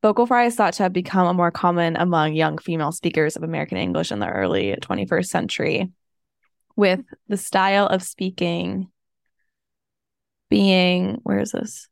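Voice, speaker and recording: A young woman with a low, creaky vocal-fry voice, chatting as a podcast co-host. She rambles along casually on a dry close mic. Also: normal speed, no echo. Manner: rambling, many "like" fillers. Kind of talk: casual chat.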